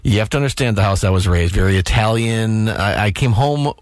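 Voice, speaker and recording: A man in his forties hosting a radio show, talking in a halting, nervous way with lots of stammered restarts. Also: on the low side, no room sound, clean studio sound. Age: 40s. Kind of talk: casual on-air chat.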